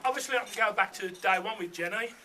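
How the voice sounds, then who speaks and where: A man's voice: high voice, fast talker, heavy background noise. A middle-aged man giving an informal, jokey father of the bride speech full of anecdotes. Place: room full of wedding guests.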